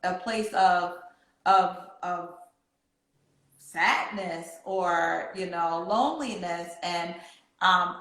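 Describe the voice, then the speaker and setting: Woman, laughter yoga teacher, earnest, halting, roomy echo. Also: medium pitch, a bit bright. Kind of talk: casual chat.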